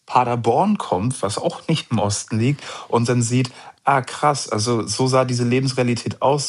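A man with a husky, slightly breathy voice talks through his thoughts as an interview guest. He searches for words and leans on casual fillers. He sounds reflective and relaxed. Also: medium pitch. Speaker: author and journalist, interview guest. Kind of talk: conversational interview.

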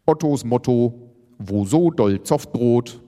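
A laid-back stoner , played by a man, drawls slowly in a flat monotone. He sounds set back from the mic. A long hall reverb trails every word. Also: medium pitch, faint music behind.

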